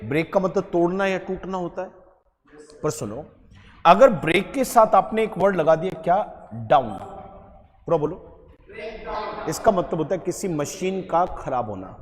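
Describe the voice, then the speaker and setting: A man teaching an English grammar lesson to a class, lively and quizzing his students with repeated questions. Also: a little high, big-room sound. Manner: lively, quizzing students, calls them beta.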